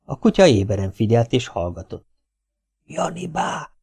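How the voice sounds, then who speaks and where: A man narrating a children's novel as an audiobook, telling the story in a lively, wry way. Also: fairly low pitch.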